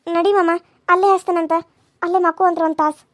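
A woman voicing a gentle young village woman in a cartoon serial, speaking in a North Karnataka accent with a soft, coaxing manner. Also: very high-pitched, flat delivery, quick pace, no room sound, clean studio sound. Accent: North Karnataka Kannada.

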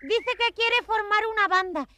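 A woman's voice: extremely high pitch, moderate pace, pushed and bright, a little hiss or hum. A woman voicing a cheerful, agreeable female plant-creature puppet in a children's show. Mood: chatty. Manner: chirpy, agreeable.

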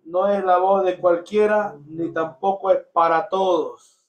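A man's voice: high-pitched, steady tone, unhurried, echoey room, recorded from a distance, highs cut off. A man in a devotional conversation, speaking with emotional, exclamatory praise. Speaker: church member.

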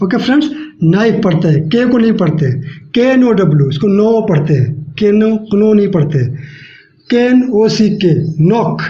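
A man's voice: high voice, darkish tone. A man teaching a spoken-English lesson, spelling words letter by letter and often checking in with his viewers. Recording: dull lo-fi audio in an echoey room.

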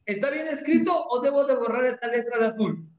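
A male English teacher teaches a class in a playful, animated way and quizzes his students. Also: extremely high pitch, brisk, reverberant, slight background noise, low-quality recording. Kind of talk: classroom lesson.

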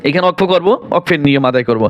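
A man teaching Quran reading, spelling out syllables one by one and then reciting them in a patient, drawn-out sing-song. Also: a little high, a little hiss or hum. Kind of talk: spelling out and reciting verses slowly.

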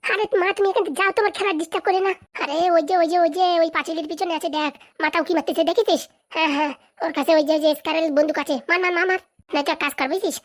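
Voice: very high voice, fairly even intonation, rapid-fire. A voice actor playing a stubborn boy hooked on mobile games, talking brashly and bossily. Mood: bossy. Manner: brash, bossy game talk. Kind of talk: comic cartoon voice acting.

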